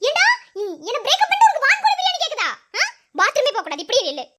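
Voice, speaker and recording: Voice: very high-pitched, huge pitch swings, racing, very noisy, heavily acted. A voice actor playing a bossy, teasing young woman in a cartoon who mocks and scolds her boyfriend. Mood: scolding. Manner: mocking, scolding, laughing while she taunts. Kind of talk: cartoon voice acting.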